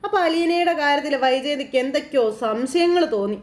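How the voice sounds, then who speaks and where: A woman casually retelling a TV serial episode in a chatty, animated way with frequent asides. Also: sits high, fast, roomy sound. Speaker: serial recap narrator.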